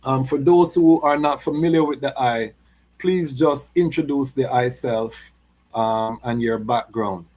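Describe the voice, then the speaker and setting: A man's voice: medium pitch, measured pace, darkish tone. Man hosting a live talk show. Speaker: podcast host.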